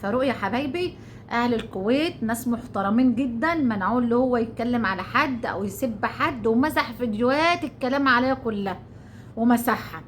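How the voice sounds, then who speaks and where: A woman's voice: on the high side, animated, quick pace, slight background noise. A middle-aged Egyptian woman talking casually to her viewers, indignant and rambling, repeating her phrases. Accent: Egyptian Arabic. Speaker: YouTuber. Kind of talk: casual talk to camera.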